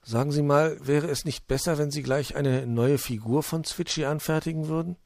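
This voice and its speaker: A man voicing a calm, kindly male helper character who speaks gently and politely. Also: a little high, moderate pace, vocal fry, no echo, voice pushed up. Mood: gentle.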